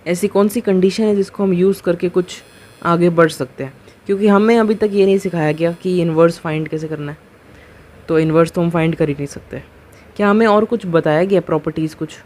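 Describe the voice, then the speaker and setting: A man's voice: sits high, darkish tone. A man teaching maths, explaining a proof step by step. He keeps asking rhetorical questions and checking that students follow. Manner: patient and step-by-step, slowing on key terms. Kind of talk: board lecture explaining a proof.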